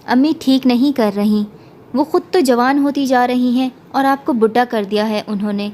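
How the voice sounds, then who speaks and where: An innocent young boy, read by a woman storyteller speaks in an earnest, simple way. The voice is slightly high and unforced, like a plain story reading. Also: darkish tone, lightly acted.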